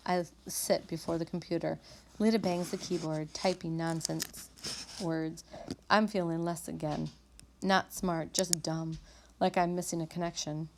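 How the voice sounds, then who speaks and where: A woman reading a novel aloud with calm, measured storytelling. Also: fairly low pitch, a little hiss or hum. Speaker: audiobook reader.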